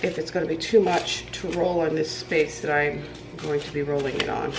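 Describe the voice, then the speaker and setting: With a deep voice and fairly even intonation, a woman bakes in her home kitchen and chats at a normal pace for a casual vlog. A cold makes her nasal, and she rambles, restarting often and saying um a lot. The camera is propped on the counter amid a noisy background.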